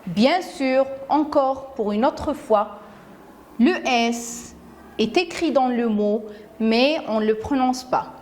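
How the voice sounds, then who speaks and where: Woman, primary school teacher, phonics lesson for children, very slow, clear syllable-by-syllable enunciation, faint background noise. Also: a little high, a little mellow. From Morocco. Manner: slow, careful enunciation, splitting words into syllables and repeating each word.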